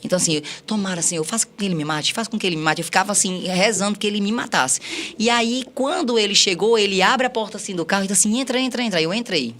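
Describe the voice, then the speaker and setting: A woman's voice: mid-range voice, quick pace, a bit bright. A woman on a podcast recounting her life story, acting out quoted dialogue with many repeats.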